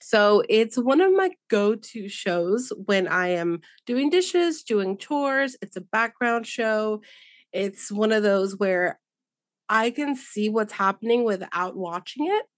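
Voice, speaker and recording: Slow, chatty woman podcast host. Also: mid-range voice, animated, no room sound, studio quality. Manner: chatty, rambling with fillers and laughs. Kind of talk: casual chat.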